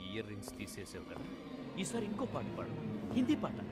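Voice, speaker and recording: An actor playing a sadistic male kidnapper who taunts and threatens, dropping to whispers and rising to shouts. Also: a little high, wildly swooping pitch, normal speed, loud music behind the voice. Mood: taunting. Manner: mocking, menacing, swings from whispers to shouts. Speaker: villain. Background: film score.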